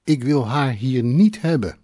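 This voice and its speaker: A man voicing a sharp-tongued, bossy middle-aged widow who talks curtly, raising his voice for her. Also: medium pitch, animated, a little slow, dry recording, studio quality. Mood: snappish. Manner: snappish, curt.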